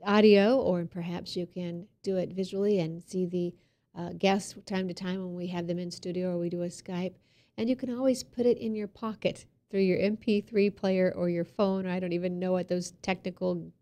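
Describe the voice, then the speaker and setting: Lady talk show host, mellow relaxed voice, chatty, lots of ums. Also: fairly low pitch. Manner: chatty and loose, with fillers and asides.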